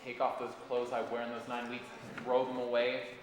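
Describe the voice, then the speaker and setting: A man playing an elderly male camp survivor, speaking haltingly and repeating phrases on a stage. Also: mid-range voice, monotone, background noise, lightly acted. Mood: grieving. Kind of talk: stage testimony monologue. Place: school stage. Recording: echoey hall, mic far off.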